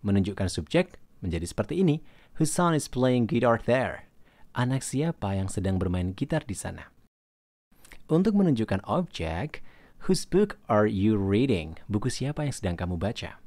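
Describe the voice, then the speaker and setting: A man teaching English grammar in a recorded lesson. He reads English example questions slowly and then translates them. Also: lowish voice, very animated, darkish tone, dry recording.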